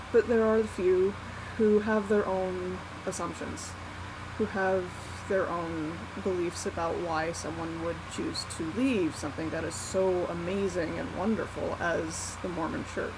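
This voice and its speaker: A young adult vlogger speaking in a halting, candid, self-deprecating way in a casual unscripted confessional. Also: mid-range voice, vocal fry. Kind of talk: casual unscripted confessional vlog, one take. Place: small warm bedroom at night. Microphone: laptop built-in mic. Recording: laptop mic with loud fan noise. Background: whirring fan.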